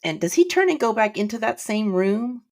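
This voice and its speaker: A woman co-hosting a podcast, recounting a film's ending in casual chat, reflective and touched enough to pause for breath. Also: mid-range voice, vocal fry. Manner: reflective, emotional, pauses to steady herself. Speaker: podcast co-host. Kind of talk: casual film discussion.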